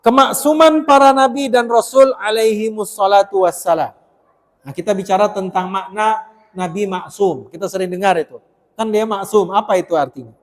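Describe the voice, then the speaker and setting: A man preaching to a congregation, his voice sitting high for a man. He talks in a lively, conversational way, turning to his listeners and joking with them. His words ring out in a hall with a long reverb. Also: moderate pace. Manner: lively, conversational, addresses listeners directly with jokes. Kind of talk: Islamic lecture to a congregation.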